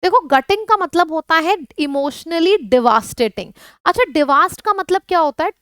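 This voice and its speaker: A woman's voice: extremely high pitch, lively intonation, moderate pace, a bit bright, no echo, clean studio sound. A woman with an Indian accent teaching an exam-prep vocabulary lesson. She runs through word lists and puts questions to the viewers. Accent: Indian English.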